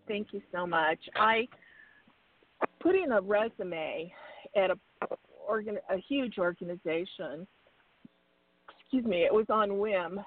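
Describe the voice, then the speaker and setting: A woman's voice: mid-range voice, no room sound. A woman caller on a hands-free phone call from her car, chatty and apologetic, laughing often. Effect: hands-free phone call from a moving car. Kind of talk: casual call-in chat. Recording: tinny car speakerphone line.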